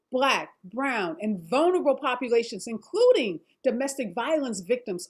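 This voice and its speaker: An American woman hosting a news-style talk show, presenting reports and questioning guests. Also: high voice. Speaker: host. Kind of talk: scripted news-style narration and panel hosting.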